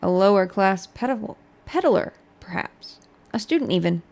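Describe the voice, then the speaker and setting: A woman's voice: medium pitch, expressive, moderate pace, vocal fry, a little mellow. A woman narrating a storybook aloud as a game streamer.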